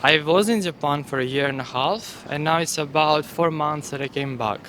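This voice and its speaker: A man from Greece, a student, tells his story in an animated, casual way. His voice is bright and fairly high, with faint ambient noise around him. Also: moderate pace. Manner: animated, laughs while telling a story. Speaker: student interviewee.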